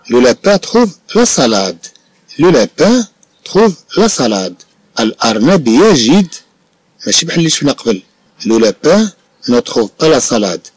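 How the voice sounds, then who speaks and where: Moroccan guy teaching french, reads it slow then explains, husky voice, dry sound. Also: mid-range voice, dry recording. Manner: slow, deliberate French read-aloud, then explains in Arabic and Moroccan Darija. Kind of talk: bilingual classroom lesson explaining a textbook.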